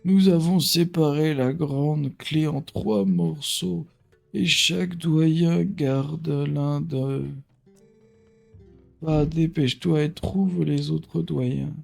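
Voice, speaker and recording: Man putting on a slow, very old man. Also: a little high, steady tone, gravelly, a little mellow, faint music behind, pitched above the performer's own voice, heavily acted. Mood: grave, urging. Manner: slow, solemn very old man's delivery. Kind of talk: voicing video game dialogue.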